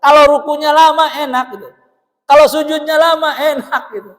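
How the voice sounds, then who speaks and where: A male preacher giving a dawn sermon in a mosque, telling stories in a lively way, acting out dialogue and often laughing. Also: extremely high pitch, brisk. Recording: echoey hall reverb.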